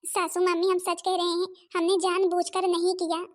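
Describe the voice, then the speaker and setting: A woman voicing a gentle elder daughter-in-law who pleads her innocence in a Hindi cartoon. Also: completely flat delivery, moderate pace. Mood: earnest. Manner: pleading, high and anxious.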